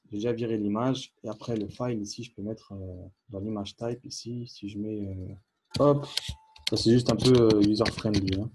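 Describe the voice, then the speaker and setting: A man giving a casual screencast programming lesson, thinking aloud with fillers and quick asides as he types. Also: on the low side, noisy background. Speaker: programming instructor. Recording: faint keyboard clicks behind.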